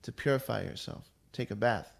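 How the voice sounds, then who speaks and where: A man's voice: mid-range voice, very slow, gravelly, heavily acted. A man voicing Garuda, a cunning male giant bird, in a hesitant, sly way.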